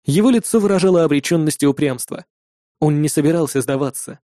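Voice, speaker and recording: A man reading a first-person fantasy adventure aloud in steady storytelling style. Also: fairly high pitch, fast, dry recording, clean studio sound. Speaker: audiobook narrator.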